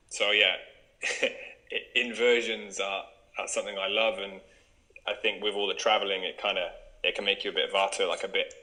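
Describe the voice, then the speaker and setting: A man's voice: fairly low pitch, sharp tone, low-quality recording. A young man from Wales, a yoga teacher chatting casually in an interview, upbeat and laughing often.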